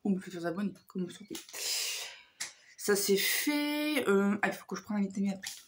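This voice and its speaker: A woman vlogger with a hoarse voice chatting casually through a shopping haul, hesitant and full of fillers. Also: mid-range voice, flat delivery, very fast, a little hiss or hum.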